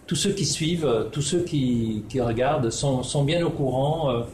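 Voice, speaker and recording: A man's voice: medium pitch, moderate pace, noisy background. A man from the Netherlands, giving a spoken presentation as a researcher, hesitant with many fillers and restarts. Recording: echoey room with faint ambience.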